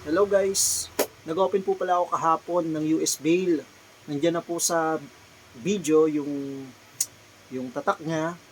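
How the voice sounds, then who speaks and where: A Filipino clothing seller shows off items from his small shop one at a time in a casual vlog, slowly and politely repeating each brand name and size. His voice is a little high with fairly even intonation. The recording is rough, with slight background noise.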